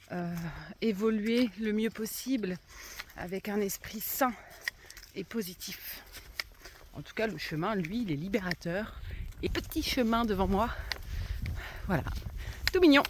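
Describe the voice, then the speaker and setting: A woman with a slight lisp musing aloud in a casual vlog, talking to herself and viewers as she walks outdoors. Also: medium pitch. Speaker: hiker vlogging her walk. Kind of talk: casual spoken vlog while walking. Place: outdoors on a country trail. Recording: clear background noise, outdoor walk.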